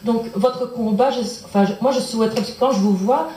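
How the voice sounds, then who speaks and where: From the audience of a public lecture, a Belgian woman asks an earnest, searching question, circling back over her own words. She talks fast in a slightly high, dark voice, and the conference hall is echoey.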